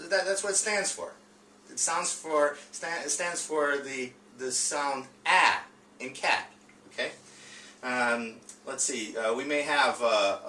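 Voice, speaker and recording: Demonstrating a read-aloud, a man leads an informal, unscripted phonics and reading lesson in a bright, forceful, mid-range voice. He halts frequently, stammering over repeated words and often checking that the listener is following. The audio is roomy, from a distant microphone, with faint noise.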